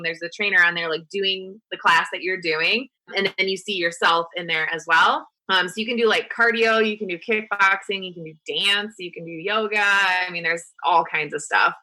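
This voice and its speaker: Podcast co-host woman, bright tone, rambling casual chat. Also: lowish voice, rough recording. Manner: chatty, fills talk with "like".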